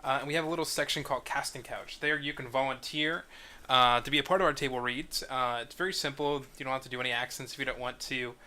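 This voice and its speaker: Talking fast with fairly even intonation, this mid-range male voice belongs to the host of an online script table read. He guides the group discussion conversationally and casually, heard through a bright, noisy voice-call microphone.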